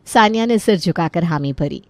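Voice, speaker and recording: A woman's voice: on the low side, expressive, normal speed, dry recording. Woman narrating a family story.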